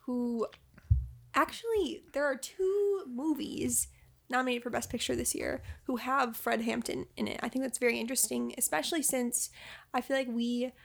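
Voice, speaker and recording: A woman's voice: on the high side, moderate pace, gravelly. A woman co-hosting a casual film review chat, talking with many hesitations and laughing easily. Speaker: podcast co-host.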